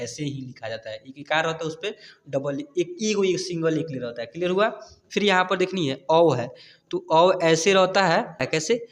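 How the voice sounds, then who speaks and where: A man teaching a lesson, explaining letters step by step and often asking whether it is clear. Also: fairly high pitch, big-room sound. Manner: patient, repeats "clear?" checks. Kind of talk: explaining spelling at a board.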